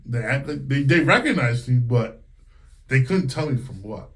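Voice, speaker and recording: In a mid-range voice at a moderate pace, a man in his thirties gives a relaxed, candid interview. He's a singer and music teacher from Connecticut whose speech is full of fillers and quoted retellings.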